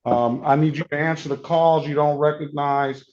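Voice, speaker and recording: Calling cases from the bench, this male judge speaks at a normal speed in a slightly high, darkish, steady voice, repeating key points and giving procedural directions plainly. Faint hiss runs through the dull, lo-fi courtroom recording.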